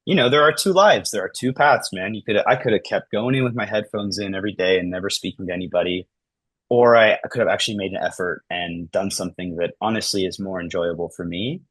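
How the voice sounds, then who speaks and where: A man in his thirties talking casually as a podcast guest, acting out everyday conversations in lively voices and often saying "like" and "man". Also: low voice, quick pace, husky, dry recording. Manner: animated, acts out dialogue in lively voices, says "like" and "man" often.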